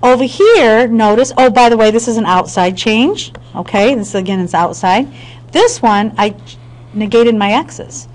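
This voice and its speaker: A woman's voice: a little high, animated, measured pace, rough recording. A woman math teacher explaining a lesson step by step, often checking in with her students. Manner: patient step-by-step explaining with frequent check-ins; talks to students directly. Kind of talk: screen-recorded math lesson.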